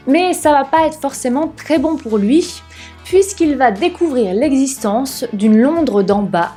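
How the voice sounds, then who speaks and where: A woman's voice: high voice, mellow. A young woman casually reviewing books she has read, chatty and candid, with frequent fillers. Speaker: book vlogger.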